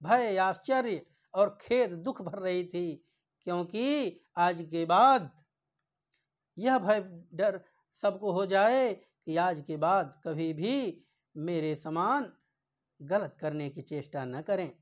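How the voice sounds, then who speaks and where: A male teacher explaining a poem line by line. He reads each verse slowly, then paraphrases it with emphasis. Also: high-pitched, animated, highs cut off.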